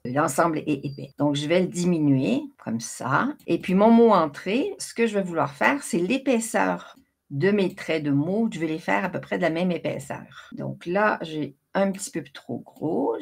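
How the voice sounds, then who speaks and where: A woman talking through a screen-recorded software tutorial, chatty and thinking aloud as she works. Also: deep voice, creaky, husky. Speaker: craft software tutorial host.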